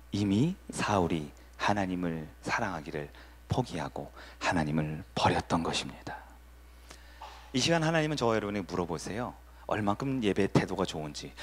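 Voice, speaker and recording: A man's voice: deep voice, breathy edge. A male pastor preaching a sermon in a conversational style and asking the congregation questions. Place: church sanctuary. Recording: reverberant church hall.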